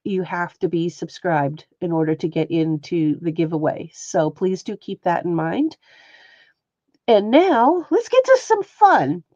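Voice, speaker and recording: In a lowish, very animated yet measured voice with a warm tone, this woman chats casually on her crafting livestream, sniffling from a blocked nose. A textile artist, she addresses viewers by name as she demonstrates stitching; the sound is lo-fi with no echo.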